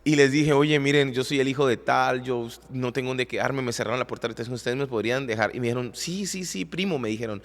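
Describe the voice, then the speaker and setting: A man's voice: mid-range voice, little pitch movement, quick pace, few pauses, in a large hall. Earnest man telling his testimony. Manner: earnest, emotional, repeats and restarts words. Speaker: podcast co-host, worship leader. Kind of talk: personal testimony storytelling. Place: recording studio.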